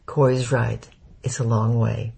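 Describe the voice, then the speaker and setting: A man reading the lines of a gentle elderly father, who speaks quietly and calmly. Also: medium pitch, a little slow, vocal fry, breathy edge, heavily acted. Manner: quiet, calm.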